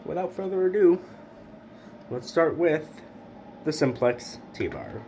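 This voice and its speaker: A man's voice: on the high side, very animated, slow. Casual man with faint background noise. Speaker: hobbyist video host. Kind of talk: casual chat, demonstrating equipment. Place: indoors, beside plywood test board.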